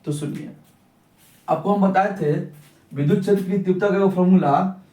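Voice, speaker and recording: A man's voice: sits high, normal speed, dark tone. A young man teaching a physics class, who keeps asking questions and answering them himself. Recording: echoey room, mic at a distance.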